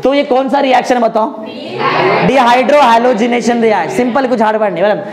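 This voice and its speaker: A man with an Indian accent teaching a chemistry class, drilling students with slow repetition, coaxing and joking. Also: extremely high pitch, a crowd in the background. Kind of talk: classroom lecture.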